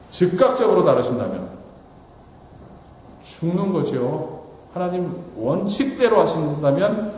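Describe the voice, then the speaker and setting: A pastor, a man with a slightly raised voice, preaches in a long, echoing hall. He questions his listeners and answers himself. He climbs in pitch to stress a point, then sinks low and quiet. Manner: asks the congregation questions and answers them himself; rises in pitch for emphasis and drops low and soft at the ends of points. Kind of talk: sermon.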